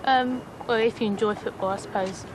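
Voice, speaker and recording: A woman in the police gives casual interview answers, speaking quickly and evenly. Outdoor traffic noise is clear behind her voice. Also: fairly high pitch, steady tone. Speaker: police officer.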